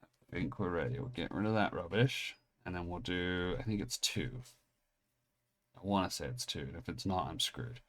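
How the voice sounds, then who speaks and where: An Englishman with a low voice, a fairly bright tone and a partly Americanized lilt runs a card pack-opening channel, telling stories at normal speed. He rambles, pokes fun at himself and keeps restarting his sentences.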